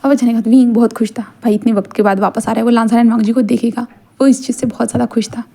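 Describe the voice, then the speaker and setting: A woman's voice: on the high side, steady tone, fast talker, vocal fry, warm tone. A woman casually retelling a fan-fiction story and switching voices for each character.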